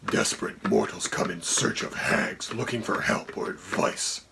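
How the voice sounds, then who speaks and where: A man voicing a haughty dragon co-host who speaks in a gravelly, whispery voice and a dry, condescending tone. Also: fairly low pitch, measured pace, heavy background noise. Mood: deadpan. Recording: music playing under the voice.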